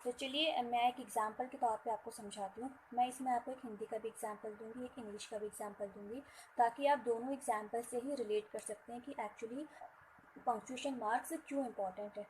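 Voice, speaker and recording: A woman's voice: on the high side, fairly even intonation, fairly quick, darkish tone, slight background noise, low-quality recording. A woman explaining an English lesson, mixing Hindi and English and often checking in with the class. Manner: repetitive, checking in with "theek hai" and "right". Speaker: English teacher.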